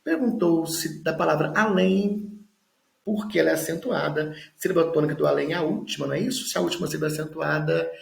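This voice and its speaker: A man leads an exam-prep lesson, walking through each point slowly and pausing to check understanding. His voice sits a little high and carries heavy fry. The room around him rings with echo. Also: steady tone. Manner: explains step by step, tags lines with "né?". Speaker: teacher. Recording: echoey room.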